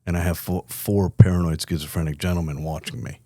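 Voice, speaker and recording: A middle-aged man, a company CEO, telling candid stories from his past as a podcast guest, reflective and quick to laugh. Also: deep voice, fairly even intonation, warm tone, no room sound, studio quality. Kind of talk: casual interview storytelling.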